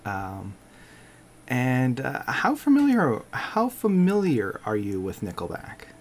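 A man from Canada co-hosts a relaxed, casual podcast in a halting, unhurried way. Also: medium pitch. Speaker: podcast co-host.

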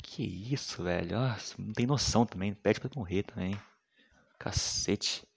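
A young man rambling in a casual, slangy monologue full of swearing, often trailing off quietly. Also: fairly low pitch, unhurried, gravelly, breathy edge.

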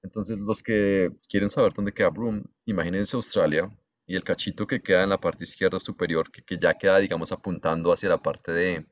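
A man's voice: low-pitched, steady tone, brisk, no echo, highs cut off. A young adult man with a Colombian accent, telling a story in casual chat with crude slang.

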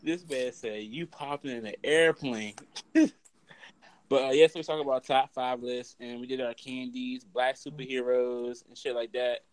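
A man's voice: mid-range voice, flat delivery, moderate pace, a little mellow, clean tone, no echo. A man with an American accent hosting a casual, profane chat full of slang, talking as if among friends. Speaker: podcast host.

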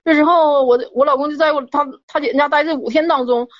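A woman's voice: high-pitched, steady tone, fast talker. A woman, a caller telling a personal story in a rambling, worked-up way and repeating herself. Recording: dull lo-fi audio.

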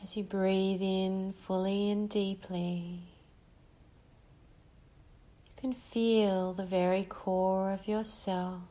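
Slow, soothing woman guiding meditation. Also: mid-range voice, flat delivery, warm tone. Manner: slow, soothing, with long pauses. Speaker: meditation guide. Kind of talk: guided meditation.

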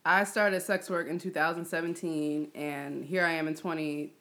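A woman chatting candidly and bluntly, with frequent swearing and laughter, her pace speeding up and slowing down. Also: sits low, steady tone, fairly bright tone. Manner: frank and profane, laughs often, pace shifts. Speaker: podcast guest sharing her work. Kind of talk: candid casual chat.

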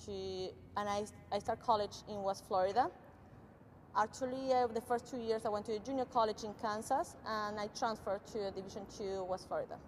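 A woman's voice: mid-range voice, a little fast, darkish tone. A young woman from Argentina who speaks with an Argentine Spanish accent, answering interview questions as a tennis coach in simple phrasing with small grammar slips. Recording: long reverb, faint noise.

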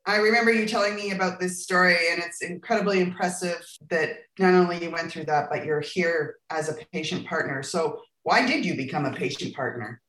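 A woman's voice: lowish voice, brisk, few pauses, fairly bright tone. A woman with an Acadian accent, hosting a podcast interview and putting questions to her guest. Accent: Acadian French. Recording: roomy, echoing sound.

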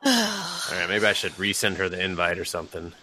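A man's voice: low voice, fairly even intonation, fast talker, pushed and bright. A man in his thirties hosting a podcast in casual chat, joking around and slipping into silly voices. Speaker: podcast host.

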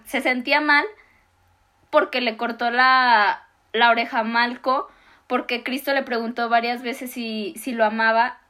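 Mexican woman chatting about faith, kinda high voice, slangy and lively. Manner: animated storytelling with slangy asides. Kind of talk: casual faith discussion.

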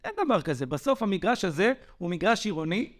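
Young adult male podcaster, high-pitched, agitated, emphatic storyteller. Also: sing-song. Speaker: podcast co-host. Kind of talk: heated podcast monologue.

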